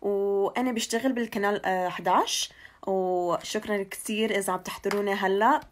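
A woman's voice: medium pitch, steady tone, brisk, a little hiss or hum. A young woman from Ohio speaks hesitant Levantine Arabic with an American English accent, giving an informal news update and mixing in English terms. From Ohio, United States. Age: young adult. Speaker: local TV channel presenter. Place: small indoor room. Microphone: phone at arm's length.

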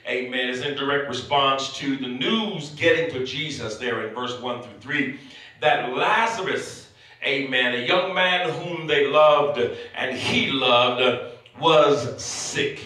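A man's voice: mid-range voice, slow, sharp tone. A man preaching a sermon at a pulpit microphone, dropping frequent amens between phrases. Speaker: bishop preaching. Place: church sanctuary. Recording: echoey church sanctuary, mic at a distance.

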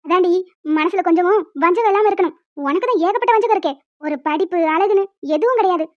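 A woman voicing a harsh older mother-in-law in a cartoon, shrill and cutting as she scolds and insults. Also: rapid-fire, lo-fi sound. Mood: scolding.

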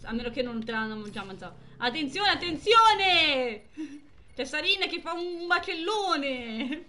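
Bright-voiced excitable woman streamer. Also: high-pitched, normal speed, a little hiss or hum. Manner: excitable, exclaims and chats with viewers. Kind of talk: live gameplay commentary.

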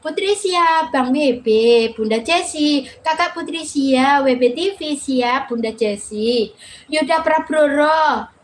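A woman's voice: high voice, slow pace, a little hiss or hum. A woman hosting a casual live stream, chatting and reading out viewers' names with frequent laughter.

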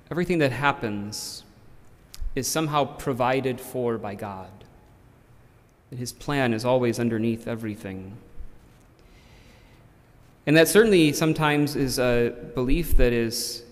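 A man around forty, a priest giving a funeral homily in gently paused, careful phrases. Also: medium pitch. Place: church, at the lectern. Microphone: gooseneck lectern microphone. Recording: reverberant church.

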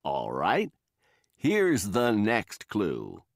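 Slow, showy male game show host. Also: on the low side, wildly swooping pitch, vocal fry, no echo, studio quality. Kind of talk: scripted textbook audio.

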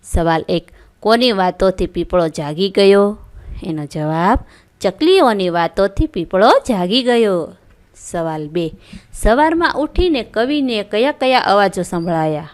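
A woman teacher reading a school lesson aloud, stating each question and then its answer clearly. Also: mid-range voice, expressive, a little slow.

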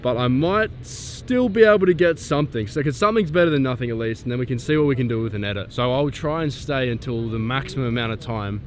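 A man's voice: medium pitch, quick pace, few pauses, slight background noise. A man in his twenties filming himself at arm's length as he walks a city and a rooftop, talking casually and swearing freely. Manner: laid-back, swears freely, excitable. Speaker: photography vlogger. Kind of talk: casual vlog. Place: outdoors in a city and on a rooftop terrace. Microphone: handheld camera at arm's length.

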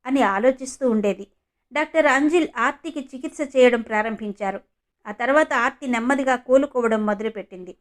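A woman reading a scripted story as narrator, in an even storytelling manner. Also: fairly high pitch, fairly quick.

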